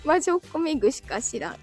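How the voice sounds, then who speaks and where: A woman hosting a casual live stream from home, chatting with listeners, reading their comments aloud and laughing often between phrases. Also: sits high. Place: indoors at home.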